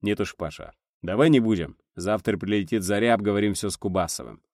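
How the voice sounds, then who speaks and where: A man voicing a stern middle-aged male base commander, gruff and commanding. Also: fairly low pitch, a little fast, darkish tone, no echo, clean studio sound, lightly acted. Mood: firm. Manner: gruff, commanding over the radio.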